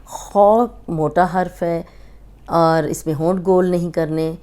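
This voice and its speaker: A woman with a Pakistani Urdu accent teaching tajweed in a slow lesson, patiently repeating and stretching each letter sound. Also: fairly low pitch, fairly even intonation, dark tone. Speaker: Quran reading teacher.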